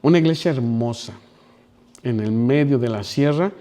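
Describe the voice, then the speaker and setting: A man preaching a sermon, telling a story with sudden drops to a hush and climbs to loud pleading. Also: medium pitch, moderate pace. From Mexico. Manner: dramatic storytelling with wide swings from near whispers to loud pleading. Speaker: pastor.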